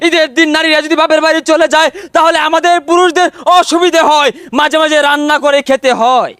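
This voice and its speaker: A man's voice: very high voice, steady tone, fast talker, a bit bright, dry recording, clean studio sound. A man playing a pompous, hot-tempered king in a comic skit, bellowing commands. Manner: blustering, bellowing royal commands.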